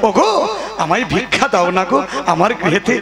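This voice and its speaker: A man's voice: high voice, lively intonation, moderate pace, voice pushed down. A man voicing a poor, pious housewife who humbly and tearfully begs for alms. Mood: pleading. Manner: pleading, humble, soft.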